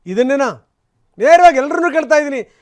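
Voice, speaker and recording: A man's voice: very high voice, lively intonation, fast talker. A man giving impassioned, indignant news commentary as an anchor, full of rhetorical questions and emphatic repetition.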